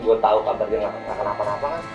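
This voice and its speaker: A man's voice: fairly low pitch, racing, dull audio. Young guy rambling thru a story, kinda far from the mic, music in the background. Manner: rambling, repeats words, calls listener "Bang". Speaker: guest telling a hiking story. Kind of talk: casual storytelling chat. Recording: distant mic with music behind.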